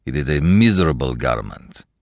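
A man voicing a gruff one-eyed older tailor who speaks with blunt, decisive composure. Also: a bass voice, very animated, moderate pace, no echo, studio quality, full character voice. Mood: blunt, dismissive.

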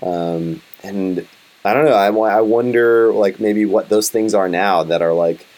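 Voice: sits low, measured pace, darkish tone. A podcast host talking casually in an interview, rambling with many fillers and restarts.

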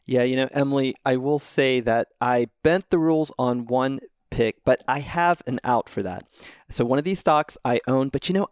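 Male podcast co-host, mid-pitched, relaxed analyst tone, dry close recording. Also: dry recording. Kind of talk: casual investing analysis.

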